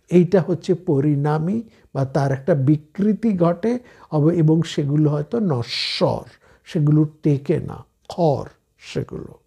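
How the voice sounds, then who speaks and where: A man with a Bengali accent giving a slow, measured scripture discourse, explaining each point step by step. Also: fairly high pitch, vocal fry, warm tone, slightly rough. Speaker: spiritual speaker.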